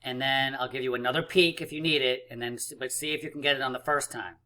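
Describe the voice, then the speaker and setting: A man's voice: medium pitch, steady tone, quick pace, pushed and bright. A man teaching a math lesson to young children, upbeat and chatty with lots of fillers. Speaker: math coach.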